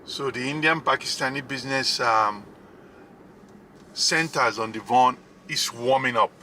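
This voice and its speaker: A man giving a casual, unscripted tour commentary from inside a moving car, speaking haltingly with frequent pauses. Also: medium pitch, sharp tone. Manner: halting, hesitant, pausing often. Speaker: vlogger, driving tour host. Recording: road and car noise. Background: faint vehicle noise.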